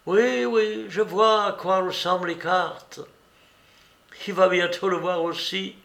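A man's voice: high voice, steady tone, gravelly, a bit bright, roomy sound, pitched above the performer's own voice, exaggerated voice. A man doing an impatient older official. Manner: brisk, impatient.

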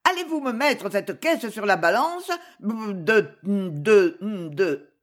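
Surly old grumbler, as a woman reader puts him on, gruff and loud. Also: mid-range voice, expressive, slow. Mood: angry. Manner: gruff and shouting.

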